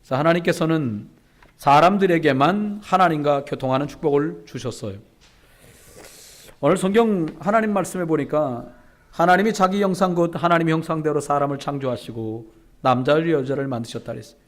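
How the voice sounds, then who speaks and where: A man pastor preaching to his congregation with a fairly high voice. He keeps it conversational and slips jokes in as he goes. He is speaking in a church sanctuary. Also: a little fast. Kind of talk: sermon.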